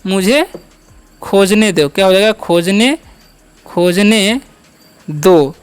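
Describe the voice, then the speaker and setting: Smooth-voiced man teaching English. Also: sits high, takes it slowly. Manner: repetitive, asks questions and answers them; spells out words letter by letter. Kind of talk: spoken English lesson.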